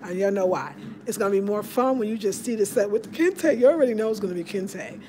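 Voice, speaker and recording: A woman giving a chatty, excitable home tour to her viewers, filmed on a handheld phone in a small room. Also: mid-range voice, quick pace, slight background noise. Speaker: home decor vlogger. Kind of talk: casual home tour vlog. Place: small room of a house indoors. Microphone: handheld phone camera.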